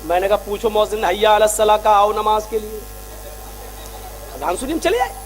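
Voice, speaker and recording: A man giving a sermon and telling a story, acting out both sides of a conversation and rising to shouts. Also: high voice, lively intonation, moderate pace, soft background music. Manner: impassioned, acts out dialogues, rises to shouting. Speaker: preacher.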